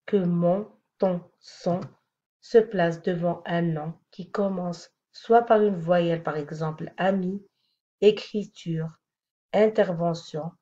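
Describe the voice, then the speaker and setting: A woman teaching a grammar lesson, speaking slowly and deliberately and repeating each example one by one. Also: fairly low pitch, dark tone, muffled recording.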